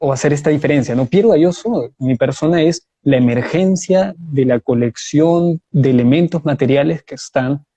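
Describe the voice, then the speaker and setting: A man's voice: fairly high pitch, mellow. A man answering in a live online debate over a video call, explaining his view step by step with examples. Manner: measured, explanatory, uses examples. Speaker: debate guest.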